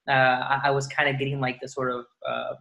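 A man's voice: mid-range voice, monotone, brisk, vocal fry, pushed and bright. A man in his thirties from Dallas, Texas, guesting on a podcast in casual, rambling chat. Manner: rambling, many restarts and fillers.

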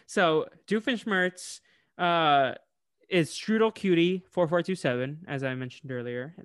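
Co-hosting a podcast, an American man casually recaps an episode, getting animated as he acts out the characters' lines. His voice is a little high and clean-toned, at a measured pace. It's a dry, studio-quality recording.

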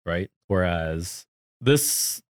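Deep-voiced man in loose chat. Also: animated, very slow, no room sound, studio quality. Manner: loose, self-doubting, swears casually. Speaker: podcast co-host. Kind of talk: casual conversation.

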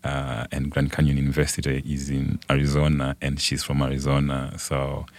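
As a podcast guest, a young man with a Malawian accent recounts his life in a relaxed, conversational way. His exceptionally deep voice is monotone with vocal fry, at a moderate pace. Almost no room sound comes through the dry recording.

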